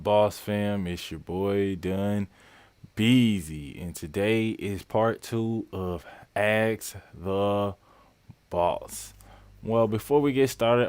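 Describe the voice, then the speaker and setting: A man's voice: on the low side, darkish tone, no echo. A man in his late twenties hosting a casual live-stream Q&A as a skate coach, chatty and repeating phrases for emphasis as he greets viewers. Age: 20s. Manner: greets viewers by name mid-flow.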